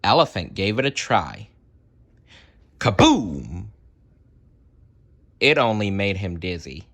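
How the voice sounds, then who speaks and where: Deep-voiced and slow, with big pitch swings and a fairly bright tone, a storybook reader narrates expressively for young children. The animated read-aloud addresses the listeners directly.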